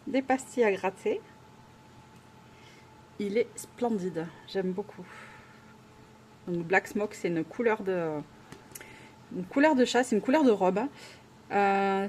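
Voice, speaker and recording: At home, a woman vlogger chats casually while unboxing, gushing with exclamations and often hesitating. Her voice is mid-range and a little mellow, with a little hiss or hum.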